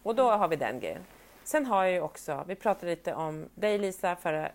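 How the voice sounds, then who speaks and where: A woman in her thirties co-hosting a casual podcast, telling a family story with animated delivery and acting out what her family said. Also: lowish voice. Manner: animated storyteller who acts out quoted family members. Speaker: podcast co-host. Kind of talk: casual chat.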